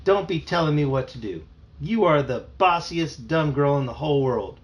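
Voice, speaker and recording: A man's voice: on the high side, expressive, normal speed. A man voicing a bratty young schoolboy who snaps back scornfully in a read-aloud storybook. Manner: snappish, scornful.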